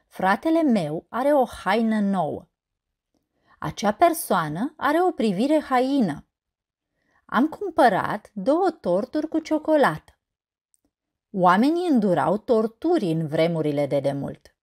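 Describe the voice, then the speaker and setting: A woman teacher narrating a scripted lesson, saying example words slowly and carefully. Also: medium pitch, big pitch swings, darkish tone.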